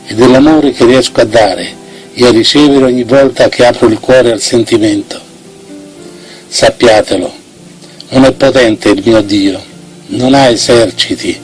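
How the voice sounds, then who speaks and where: A man reciting poetry in a theatrical declamation, with solemn, swelling, expressive phrasing. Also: medium pitch, rough recording. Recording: music bed behind the voice.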